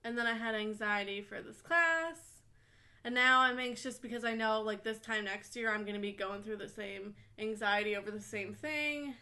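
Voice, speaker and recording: A woman's voice: on the high side, moderate pace, pushed and bright. A young woman co-hosting a podcast, talking casually and nervously, a bit out of breath and laughing, with lots of filler words. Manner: chatty, anxious and laughing, many "like" fillers. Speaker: podcast co-host. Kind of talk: casual chat.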